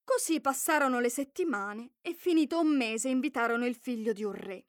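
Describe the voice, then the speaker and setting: A woman reading a fairy tale aloud in an expressive storytelling manner. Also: fairly high pitch, a little fast, dry recording, clean studio sound. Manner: expressive, varied storytelling with voiced characters.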